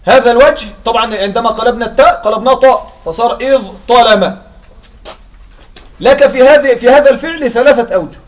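A man's voice: extremely high pitch, fast talker. A man teaching a classroom lesson on Arabic morphology. He keeps checking that his students follow and asks questions, then answers them himself.

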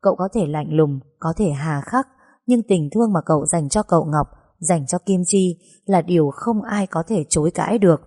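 A woman reading a first-person story aloud in a sorrowful, measured way. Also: on the low side, dark tone, slightly rough. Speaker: narrator.

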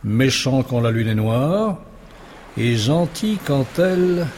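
A man's voice: medium pitch, animated, pitched above the performer's own voice. A man doing a teasing little nightmare creature. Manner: teasing, playful, drawn-out words. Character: small cheeky nightmare creature, crawling, moon-coloured, male. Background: music.

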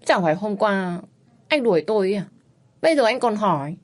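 A woman voicing a fiery, stubborn young woman who speaks in high, shrill outbursts and pleads loudly. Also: animated, moderate pace, close to an everyday voice. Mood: defiant.

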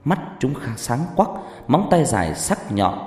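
A man narrating a horror story in a hushed, suspenseful way. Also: mid-range voice, sing-song, a little slow. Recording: reverberant hall with background music.

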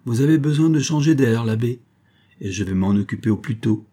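A man voicing a lively, teasing young actress. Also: medium pitch, brisk, close to an everyday voice. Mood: playful. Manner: bright, teasing, pleading. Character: lively, spirited famous young stage actress. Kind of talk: audiobook reading.

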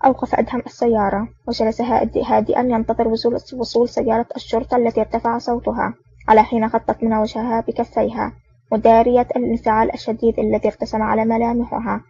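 A woman narrating an action novel as an audiobook with brisk, even reading. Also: on the high side, slightly rough. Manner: brisk, even reading with small slips and restarts. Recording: dull lo-fi audio.

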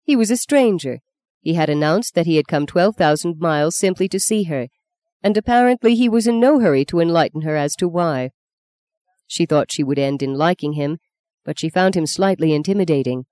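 A woman narrating a novel in a calm, even reading voice. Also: low voice, fairly quick, no room sound. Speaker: audiobook narrator. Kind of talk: scripted narration.

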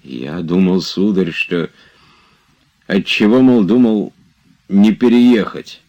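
A man's voice: low voice, expressive, slow, mellow, highs cut off, voice pushed up, exaggerated voice. A man reading aloud as an old servant who grumbles and pleads with his master in a storybook. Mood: pleading.

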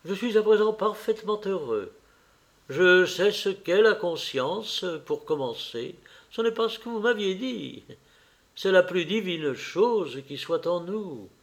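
An earnest, impulsive young man, as an audiobook reader puts him on, speaking with heightened feeling. The voice is lifted a little high and delivered slowly. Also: expressive. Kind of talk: audiobook character reading.

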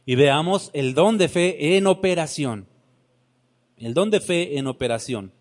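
High-voiced man preaching a sermon. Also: expressive, a little slow. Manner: reads scripture aloud and retells it dramatically to the congregation.

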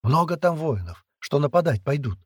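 A man's voice: a little high, sing-song, normal speed, breathy edge, no echo, studio quality, voice pushed up. A man reading aloud and voicing a hot-headed, loyal young boy held captive, who blurts and hisses in agitation. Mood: agitated.

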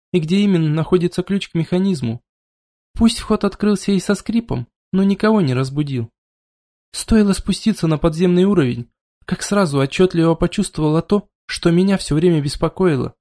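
A man reading an audiobook, narrating a first-person fantasy story in an even, measured way. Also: high voice. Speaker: audiobook reader.

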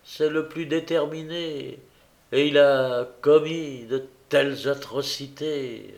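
A man voicing a tearful young woman, desperate, anguished, fervent, rather high voice. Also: fairly even intonation, slow pace, creaky.

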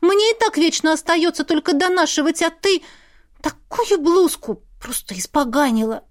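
A woman voicing a sulky, pushy teenage younger sister in an audiobook, with a high, loud and whiny delivery. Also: lively intonation, moderate pace, no echo, clean studio sound. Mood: aggrieved.

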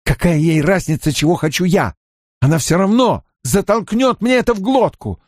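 A man's voice: a little high, expressive, normal speed, a little mellow, dry recording, voice pushed up. A troubled, hot-tempered young man, voiced by a male narrator, his speech rising and falling a lot. The recording is close and dry. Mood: furious.

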